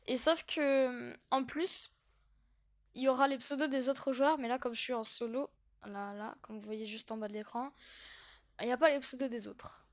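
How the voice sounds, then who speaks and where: Woman gamer for a casual commentary read: high voice, giggly, hesitant fillers. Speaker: gaming YouTuber.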